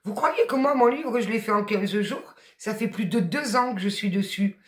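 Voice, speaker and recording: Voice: medium pitch, moderate pace, echoey room. A tarot card reader with a Southern French accent, giving a spoken guidance reading in an emphatic, colloquial and encouraging way, with blunt asides.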